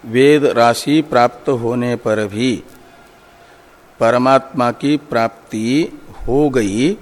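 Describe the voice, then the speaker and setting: Slow-speaking male scripture teacher, reverberant hall. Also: mid-range voice. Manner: slow, deliberate, recites Sanskrit then explains. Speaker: Vedanta teacher. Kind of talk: scriptural commentary lecture.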